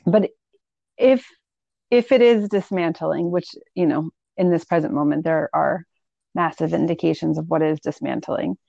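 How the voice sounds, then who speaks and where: A woman's voice: low-pitched, normal speed, creaky, dark tone, no echo, lo-fi sound. A woman from Philadelphia hosting a thoughtful conversation, searching for her words as she goes. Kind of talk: reflective conversation.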